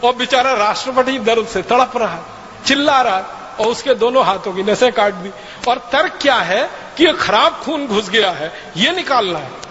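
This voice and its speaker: A man's voice: very high voice, lively intonation, moderate pace, bright, forceful tone. A man giving a public lecture, telling a story emphatically and repeating phrases for effect. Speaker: speaker lecturing an audience. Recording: dull, lo-fi hall recording with faint noise.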